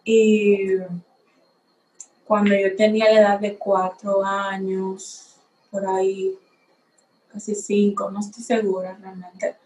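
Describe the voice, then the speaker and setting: A woman's voice: medium pitch, completely flat delivery, darkish tone, roomy sound, a little hiss or hum, rough recording. A nineteen-year-old woman from the Republic, hosting a podcast and giving a personal faith testimony in a reflective, slightly unsure way while facing a camera. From Dominican Republic. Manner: unhurried, reflective, a little unsure. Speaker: podcast host.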